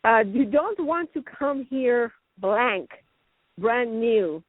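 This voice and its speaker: Her voice is a little high, expressive and slow: a middle-aged actress raised in Venezuela and Canada, chatting as a guest in a casual interview. She rambles and laughs a lot. The dry recording has the tinny sound of a phone line.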